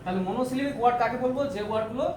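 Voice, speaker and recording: A man races through an English grammar lesson in a very high voice, explaining terms step by step in classroom style. He keeps repeating key words and asking rhetorical questions, recorded in an echoey room with faint noise.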